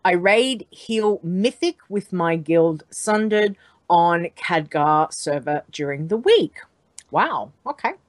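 Woman, podcast co-host, upbeat, chatty, lowish voice, dry sound. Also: animated, takes it slowly, dry recording. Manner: upbeat, chatty, reads listener answers aloud. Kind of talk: casual podcast chat.

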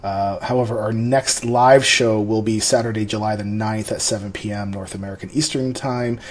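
A man from Canada co-hosting a gaming podcast, announcing the schedule in a relaxed way. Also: fairly low pitch, moderate pace. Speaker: podcast co-host. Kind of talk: casual chat, show announcements.

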